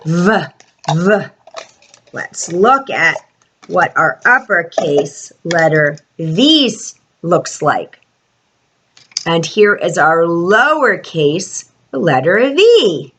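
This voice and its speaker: A woman's voice: fairly low pitch, very animated, drawn-out words, a bit bright, husky. A woman teaching an alphabet lesson to young children in a broad singsong presenter's delivery, asking prompting questions and stretching out key words.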